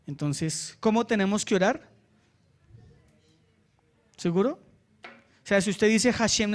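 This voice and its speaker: A man with a Colombian accent preaching a sermon as pastor. He slows down for scripture and keeps asking the congregation quick checks. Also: high voice. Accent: Colombian Spanish. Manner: asks the congregation short checks like "¿cierto?" and "¿sí?".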